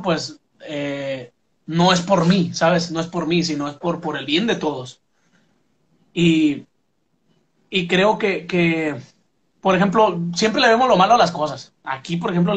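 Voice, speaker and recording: A man's voice: fairly high pitch, fairly bright tone. A young Mexican man, a musician, telling his story in a casual interview, full of fillers and "pum" sound effects.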